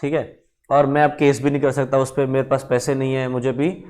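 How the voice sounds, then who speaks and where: A male teacher lectures in a conversational way, speaking directly to his students and checking in with them often. His medium-pitched voice is level in tone, brisk, and a little mellow.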